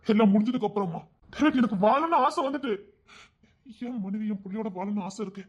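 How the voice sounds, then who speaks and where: A man with a high, fast, slightly breathy voice and a Tirunelveli Tamil accent plays a tender gang king in an audio story, pleading softly and heartfelt in his longing for family life. The recording is dull and lo-fi.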